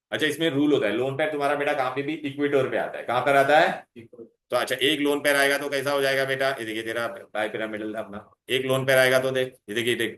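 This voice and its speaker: Male chemistry tutor, mid-pitch, quizzing pupils nonstop; roomy echo, bits. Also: fairly bright tone. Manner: coaxing, calls students "beta", quizzes them constantly. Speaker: chemistry teacher. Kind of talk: revision lecture to students. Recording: echoey room.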